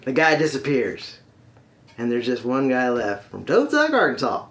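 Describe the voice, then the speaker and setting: A man's voice: mid-range voice, huge pitch swings, a bit bright, a little hiss or hum. Folksy man telling a joke. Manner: folksy, drawn-out storytelling. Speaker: comedy storyteller host.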